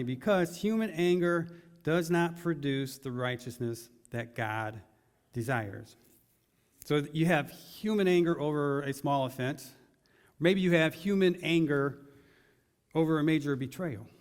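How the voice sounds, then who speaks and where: A man's voice: on the high side, unhurried. A man preaching a sermon in a casual, conversational way, putting question after question to his congregation. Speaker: pastor. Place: large church hall. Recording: long hall reverb.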